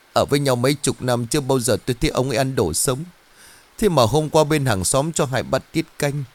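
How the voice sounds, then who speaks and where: A man voicing a desperate middle-aged woman who begs for help in a high, tearful voice. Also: close to an everyday voice. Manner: tearful, pleading, high-pitched.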